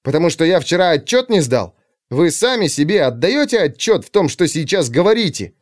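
A man's voice: on the high side, big pitch swings, a little fast, pitched above the performer's own voice. A man doing a hot-tempered defiant police captain. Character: heated young male police captain. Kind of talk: audiobook character reading.

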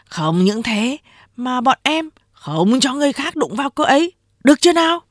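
A woman's voice: sits high, expressive, moderate pace, no room sound, studio quality, voice pushed up. A woman voicing a sly, sleazy young male underling who wheedles and plays innocent.

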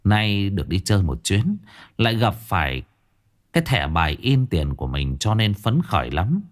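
A man narrating a ghost story in an expressive way. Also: lowish voice, normal speed.

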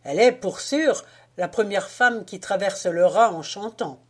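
A woman's voice: medium pitch, lively intonation, a little slow, slightly rough. Woman reading a hearty, boisterous sailor. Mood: exultant. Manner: loud, hearty exclamations. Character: boisterous jovial male sailor, mocking. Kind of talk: audiobook dialogue reading.

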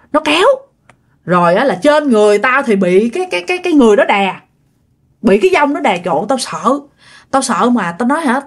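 A woman telling ghost stories in a casual spoken way, lively and repeating phrases to build suspense. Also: fairly high pitch. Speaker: ghost story narrator.

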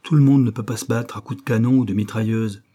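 A man's voice: on the low side, steady tone, fast, warm tone, close to an everyday voice. A man reading an audiobook and voicing a doctor who defends himself, pleading and combative. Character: Louis, doctor defending himself, moody and stubborn.

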